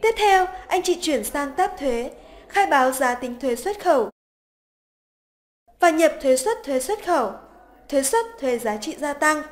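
A woman with a high, light voice reads scripted instructions for a software tutorial. Her delivery is polite, even and methodical, walking the listener through each step. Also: a little slow, pauses often. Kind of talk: scripted narration. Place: voice-over over screen recording.

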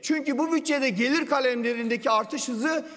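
A man's voice: extremely high pitch, brisk, a bit bright. A man giving a parliamentary budget speech into a podium microphone, assertive and firing pointed rhetorical questions. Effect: speaking into a podium microphone. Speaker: member of parliament. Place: parliament general assembly hall. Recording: long reverb of a large chamber.

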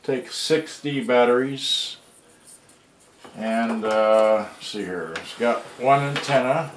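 At a cluttered indoor workbench, a hobbyist repairer shows off a vintage boombox, rambling casually and muttering to himself. His voice is mid-range and slow. The home camera recording is roomy and noisy.

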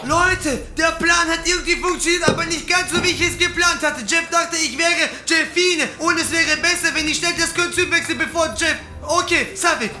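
Cheeky young male prankster, male actor, excitable and stumbling, high voice, comic horror dub with music. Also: normal speed, few pauses. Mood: flustered. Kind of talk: dubbed comic horror skit. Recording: echoey room under background music.

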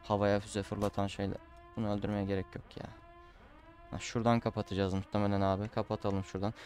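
A man with a fairly low, monotone, slightly mellow voice talks quickly through a casual Let's Play. He chats with viewers, whom he calls "abi," and often breaks into frustrated outbursts.

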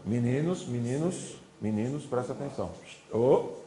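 Lively man lecturing in a hall. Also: medium pitch, normal speed, slight background noise. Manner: chatty, repeats "olha" and "né", pointing to slides. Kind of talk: informal classroom lecture.

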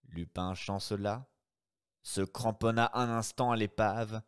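A man narrating a novel in a live read-aloud, with slow, measured delivery. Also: on the low side, steady tone, clear, resonant tone.

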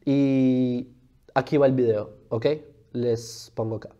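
A man from Colombia hosting his channel, calmly explaining his view with measured, halting phrasing that restarts often. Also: mid-range voice, highs cut off. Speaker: channel host. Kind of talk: explanatory commentary to camera.

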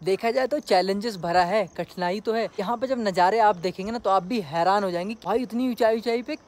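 A young man with a voice that sits high talks a little fast as he films a casual travel vlog. Standing on a windy hill road with his phone at arm's length, he chats straight to his viewers.

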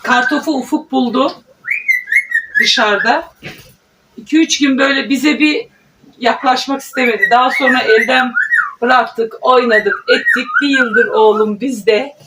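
A woman's voice: sits high, measured pace. A woman chatting at home in a casual vlog, cooing affectionately to her pet parrot while she works. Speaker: vlogger. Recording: distant mic with clear background noise.

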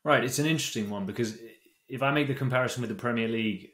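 British podcast host in a roomy study. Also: male voice, mid-range voice, racing, fairly bright tone. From Britain. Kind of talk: video call interview. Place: home study. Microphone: desk microphone.

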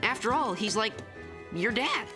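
A woman's voice: on the high side, expressive, measured pace, over music. A woman voicing an awkward schoolboy. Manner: awkward, hesitant. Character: nervous good-natured schoolboy.

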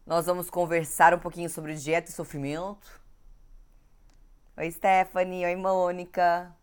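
With a fairly low, smooth voice, little pitch movement and a measured pace, a young woman from Brazil chats casually on an Instagram live. She's a nutritionist with a cold, greeting viewers by name over a home recording setup.

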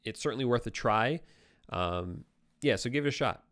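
Reading viewer questions aloud and answering them, a young male streamer talks at a moderate pace with a medium pitch. His tone is relaxed and conversational, though his voice is tiring and turning hoarse, captured close on a boom-arm studio mic in a home studio with a brick wall.

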